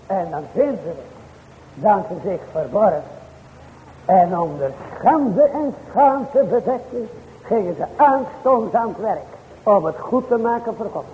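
A man preaching a sermon in a high, animated voice. His delivery is slow and drawn out, and he speaks formal, old-fashioned church language. The recording is thin and phone-like, with a long hall reverb and faint noise. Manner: preaching with sudden rises and drops in pitch and loudness.

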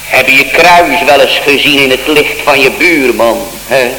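A man's voice: medium pitch, measured pace, bright, forceful tone. A man preaching a solemn sermon in a church, impassioned, with sudden emphatic rises in his voice. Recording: echoey church hall, faint hum.

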